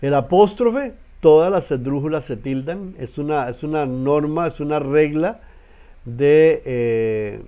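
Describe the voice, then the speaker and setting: A man with a fairly high voice teaches a writing workshop at an unhurried pace. He explains patiently, often stalling on repeated words and fillers. The recording sounds dull and lo-fi. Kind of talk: online class lecture.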